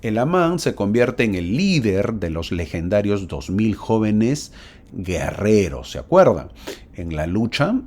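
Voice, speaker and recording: Deep-voiced middle-aged guy giving a church lesson, lots of questions to the listener, voice goes up and down a lot. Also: very animated, takes it slowly, a little mellow. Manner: asks the listener many rhetorical questions. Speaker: scripture teacher. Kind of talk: religious lesson.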